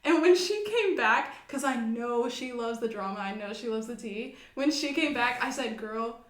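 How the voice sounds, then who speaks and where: A young woman co-hosting a podcast, telling a workplace story in a lively, animated way with frequent laughs. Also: a little high, normal speed. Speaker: podcast co-host. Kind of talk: casual chat. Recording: echoey room.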